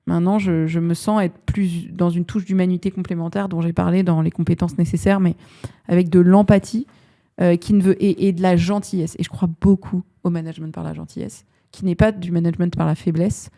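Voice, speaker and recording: Woman, 30s, podcast guest; low, gravelly, thinks aloud and searches for words. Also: fairly even intonation, fairly quick, warm tone. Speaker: guest HR director. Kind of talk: casual podcast interview.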